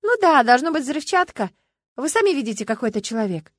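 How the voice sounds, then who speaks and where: A woman's voice: sits high, sing-song, fast talker, no echo, clean studio sound, voice pushed up. A woman reading an audiobook and voicing a bitter woman who wants nothing to do with her troubled brother, in an indignant, dismissive manner.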